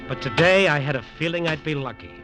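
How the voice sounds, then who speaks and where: Talking fast in a fairly high, lightly acted voice, the same kind of radio-drama performer voices a greedy, desperate resort builder recounting his ruin in hard-boiled fashion. The mood is tense and brooding, with music on the old radio recording.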